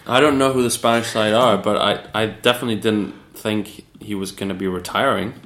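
A man's voice: on the low side, fairly even intonation, brisk, fairly bright tone, reverberant. A man co-hosting a casual podcast chat, giving hesitant, laid-back replies. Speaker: podcast co-host.

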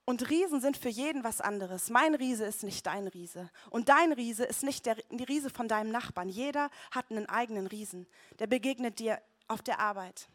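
A woman's voice: a little high, moderate pace, few pauses, fairly bright tone. A woman preacher giving a conversational sermon, retelling scripture with vivid comparisons and checking in with listeners.

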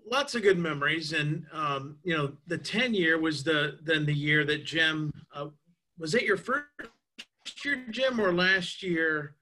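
A man's voice: fairly high pitch, measured pace, pushed and bright, a little hiss or hum, rough recording. A man casually reminiscing about past seasons, hesitant and checking his facts aloud. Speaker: former baseball broadcaster.

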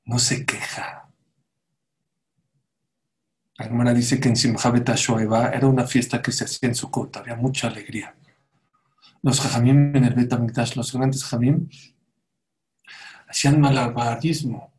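A man's voice: mid-range voice, normal speed, long pauses. A man giving a sermon, telling stories and acting out the voices of the people in them. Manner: animated storyteller, acts out quoted voices. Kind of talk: sermon with storytelling.

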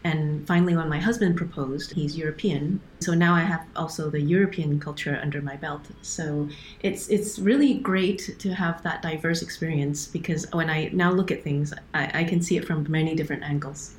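A woman's voice: low voice, steady tone, normal speed, a little hiss or hum. A middle-aged woman from Hong Kong, a guest on a podcast interview, explaining things earnestly with frequent restarts over a remote call. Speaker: guest, operations director.

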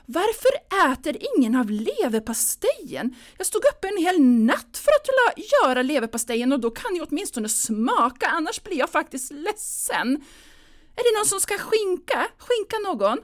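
A woman voicing an anxious, fussy older mother, plaintive and close to tears, with a raised, lively voice. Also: sits high, pitched above the performer's own voice.

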